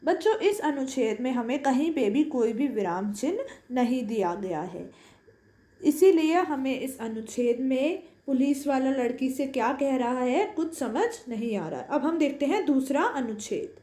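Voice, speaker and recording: A woman teaching a Hindi class to children, explaining slowly and repeating points, asking questions and answering them herself. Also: high-pitched, expressive, warm tone, roomy sound. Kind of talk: online class lesson for children.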